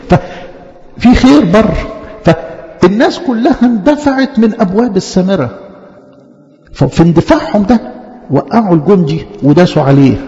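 Egyptian male preacher, slightly high and gravelly, questions and answers himself, long hall reverb. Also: warm tone. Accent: Egyptian Arabic. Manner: questions and answers himself, quotes liturgy in a slow chant-like cadence. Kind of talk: sermon. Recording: dull, reverberant hall sound.

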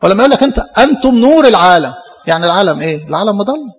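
Fast, high-voiced Egyptian priest preaching. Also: male voice, big pitch swings. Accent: Egyptian Arabic. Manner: fervent preaching, many rhetorical questions to the congregation. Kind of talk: sermon. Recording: long church-hall reverb, dull lo-fi sound.

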